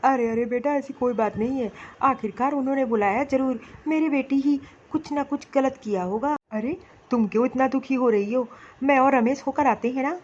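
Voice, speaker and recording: A woman's voice: sits high, moderate pace, darkish tone, muffled recording. A woman voicing a kindly, reassuring father who soothes his crying daughter in a cartoon story. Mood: soothing. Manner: coaxing, reassuring.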